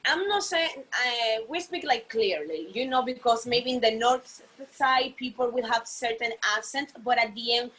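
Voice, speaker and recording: A woman from the Dominican Republic talks in English with a Dominican Spanish accent. Her voice sits a little high, and she chats loosely, filling gaps with "you know" and "like." It sounds like a video call. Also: animated, moderate pace, few pauses, fairly bright tone. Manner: chatty, peppers speech with "you know" and "like". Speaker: guest. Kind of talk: casual chat. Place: San Pedro de Macorís.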